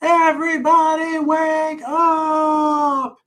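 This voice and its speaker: A man voicing a cheerful little girl who yells to wake everyone up, stretching out her high, loud call. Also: expressive, moderate pace, far from the mic. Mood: yelling gleefully.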